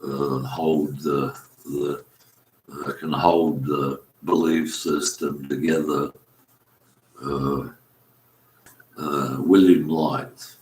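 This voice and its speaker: A man, rambling through a spoken monologue, halting often with fillers and restarts. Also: very deep voice, little pitch movement, a little mellow. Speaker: commentator. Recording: echoey room.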